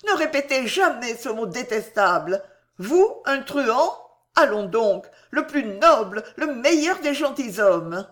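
A man voicing a gentle, tender young noblewoman who pleads softly and with emotion. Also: very high voice, very animated, moderate pace, pitched above the performer's own voice. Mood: pleading.

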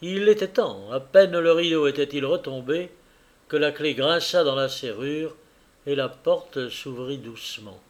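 A man narrating a classic suspense novel in a somewhat high voice. He reads dramatically and slows down when tension builds. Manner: dramatic reading, slowing for suspense.

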